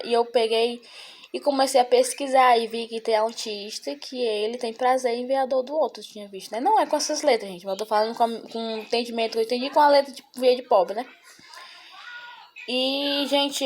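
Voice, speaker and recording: A young mother talks straight to her viewers in a loose, rambling, emotional way. Her voice sits a little high. A faint hiss of background noise runs under it. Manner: rambling, emotional storytelling, addresses viewers as "gente". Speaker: mother vlogging about her son. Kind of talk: casual chat to viewers.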